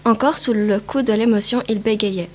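A woman's voice: mid-range voice, moderate pace, slight background noise. A woman narrating a picture book aloud, reading carefully with small slips. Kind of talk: storybook read-aloud.

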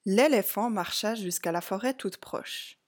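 Woman reading a picture book to children. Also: medium pitch. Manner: slow, clear, addressing a child. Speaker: storybook reader. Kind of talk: read-aloud story for children.

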